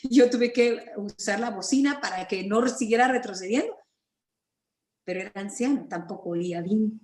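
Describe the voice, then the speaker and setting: A Guatemalan woman teaching a Bible study over a video call, earnest and story-driven, clearing her throat now and then. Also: medium pitch, moderate pace, a little mellow, echoey room. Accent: Guatemalan Spanish.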